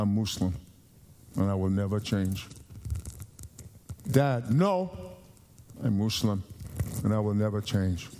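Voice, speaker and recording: A man's voice: on the low side, mellow. American guy preaching, earnest, keeps repeating himself, long echo like a big church. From United States. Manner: earnest, repeats and restarts phrases, slows down for emphasis. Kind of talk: sermon. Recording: long hall reverb.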